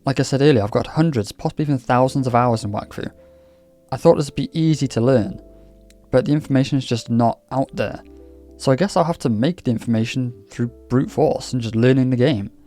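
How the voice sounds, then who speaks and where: Over faint background music, a gaming YouTuber from Wales offers casual commentary in a vlog that feels chatty, candid, and lightly scripted. He has a warm, mid-range voice and talks a little fast.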